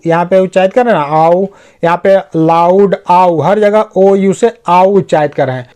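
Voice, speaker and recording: A man with a high voice teaches English to Hindi speakers. He reads each English sentence slowly, then explains it word by word. Along the way he lists synonyms and asks questions he answers himself. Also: a little mellow. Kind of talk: Hindi-medium English lesson.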